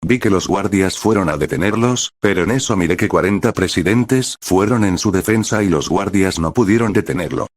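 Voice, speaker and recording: Deep-voiced man reading a solemn prophecy. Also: normal speed, hardly any pauses, no echo. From Peru. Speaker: pastor. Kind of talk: scripted reading of a prophetic vision.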